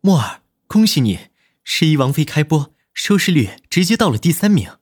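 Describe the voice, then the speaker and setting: A man's voice: medium pitch, animated, brisk, slightly rough, dry recording, clean studio sound. A man playing a mild, smiling suitor. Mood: cheerful. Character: gentle smiling rival suitor, young man. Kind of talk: audiobook character voice.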